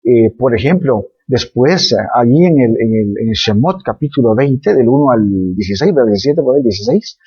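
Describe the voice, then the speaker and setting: A man's voice: mid-range voice, expressive, normal speed, hardly any pauses, warm tone, husky, dull audio. A man giving a Bible teaching talk, explaining words patiently with many fillers and tag questions.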